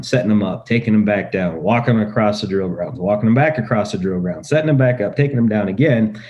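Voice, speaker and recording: A man's voice: on the low side, mellow. A man who went through fire academy, telling stories in a casual interview in short listed bursts. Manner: storytelling, lists in short bursts. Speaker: guest, former firefighter trainee. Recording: dull lo-fi audio.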